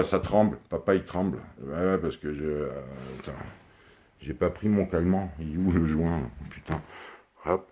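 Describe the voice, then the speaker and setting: Deep-voiced man rambling crude jokes. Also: darkish tone. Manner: rambling, crude, jokey, confiding. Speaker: comic character sending a video message to his daughter. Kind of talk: rambling comic monologue. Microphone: handheld camera close up.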